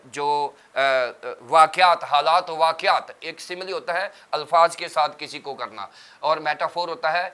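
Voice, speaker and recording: A male pastor speaks in a somewhat high voice with a bright, forceful edge. His tone is smooth and crisp. He lays out ideas step by step like a teacher on a TV studio panel. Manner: teacherly, explaining terms step by step. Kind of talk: religious TV panel discussion.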